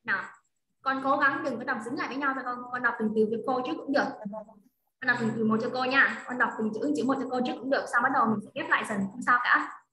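A woman tutor with a high, bright voice leads a child through English drills. She is patient and coaxing, saying words over and over. The sound comes through a video call from a room with a noticeable echo. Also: fast. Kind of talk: one-on-one online lesson with a child.

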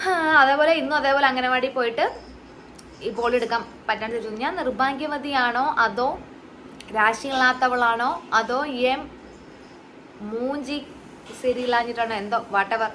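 A woman's voice: fairly high pitch, sharp tone, slight background noise, low-quality recording. A young woman who is a mother chats emotionally to her viewers in a casual vlog, talking straight to them. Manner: emotional, chatty, addresses viewers directly. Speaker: vlogger and mother.

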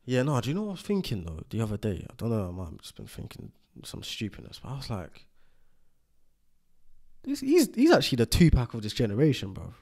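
A man's voice: lowish voice, wildly swooping pitch, fast, gravelly, hardly any pauses, darkish tone. A man, co-hosting a podcast in casual, slangy, joking chat. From United Kingdom. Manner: laid-back, slangy, joking. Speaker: podcast co-host.

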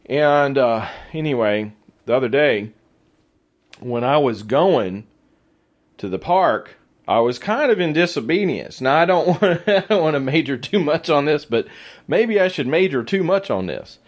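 A hoarse, raspy-voiced man hosting a casual faith podcast, talking in a laid-back, slangy, self-deprecating way. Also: fairly high pitch, animated, a little slow. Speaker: podcast host.

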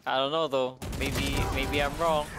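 Brief: male co-caster, relaxed hedging play-by-play, noisy stream audio with gunfire behind. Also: medium pitch, measured pace. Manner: laid-back, hedging play-by-play. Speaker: esports co-caster. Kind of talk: casual esports commentary.

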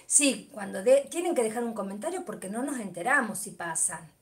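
A woman's voice: mid-range voice, animated, fairly quick. A middle-aged woman with an Argentine Spanish accent, chatting casually on a livestream, greeting viewers by name and talking animatedly about football. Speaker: livestream host. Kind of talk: casual live chat reading comments.

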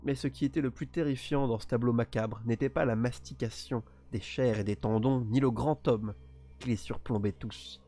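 A man streaming a solo tabletop game, reading dark narration aloud and breaking off for playful, mock-defensive asides. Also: medium pitch.

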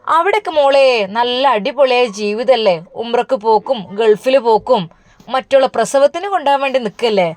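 A woman's voice: on the high side, fairly quick, a little mellow, dry recording, lightly acted. Woman voicing a bitter gossipy schemer, dry read.

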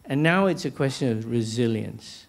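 A middle-aged man from Malaysia moderates a panel from the stage of a large lecture hall, holding a handheld microphone. He talks in a measured, anecdotal way, often restarting his sentences. His pitch sits in an ordinary middle range. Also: expressive, vocal fry. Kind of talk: panel discussion, posing questions.

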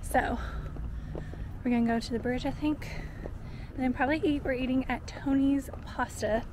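A chatty, upbeat young woman with a fairly high voice talks to a camera held at arm's length as she walks. She is outdoors in a city, and there is clear street noise behind her. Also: fairly even intonation, normal speed. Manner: chatty, upbeat, talking to camera while walking. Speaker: vlogger. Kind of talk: casual vlog chat. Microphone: handheld camera at arm's length.

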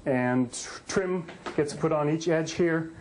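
A man's voice: a little high, takes it slowly, darkish tone, slight background noise, low-quality recording. A young man, a bathtub installer, explaining his work in casual chat in a bathroom under renovation.

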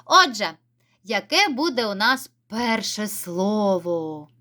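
Lively sing-song woman teacher. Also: mid-range voice, slow pace. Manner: encouraging, sing-song, stretches key words. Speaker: primary school teacher. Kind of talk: video reading lesson for young children. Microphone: camera set up by herself.

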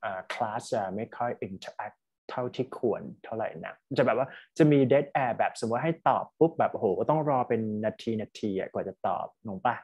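A man's voice: mid-range voice, a little mellow, breathy edge, muffled recording. A man teaching at a university, giving casual spoken feedback to a student over an online class and dropping English words into his talk. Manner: quick, chatty, mixes English words into speech. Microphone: online class call.

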